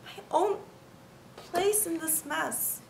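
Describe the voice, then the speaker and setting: A woman's voice: very high voice, slow, creaky, full character voice. An actress playing a frustrated, yearning young woman in a dramatic monologue, emotional and holding back tears. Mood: bitter despair. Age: young adult. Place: living room indoors. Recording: roomy echo, faint background noise.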